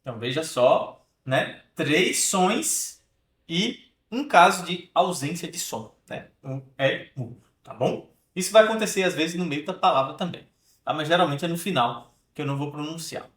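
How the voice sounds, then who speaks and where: This man's voice sits on the high side, expressive and fairly bright, with reverberation around it. Teaching French pronunciation online, he explains things, drills sounds slowly and keeps asking "né?" and "tá?".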